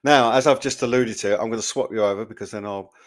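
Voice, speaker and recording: A man's voice: fairly low pitch, fast. A man hosting a casual video interview, chatty and jokey, with lots of fillers and restarts. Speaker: interview host.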